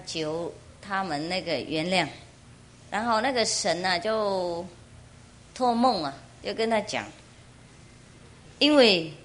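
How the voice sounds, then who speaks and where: A woman's voice: fairly low pitch, a little hiss or hum. Chatty woman teacher telling a moral story. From Taiwan. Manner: chatty, animated, asks listeners questions. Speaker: spiritual teacher. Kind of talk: storytelling sermon.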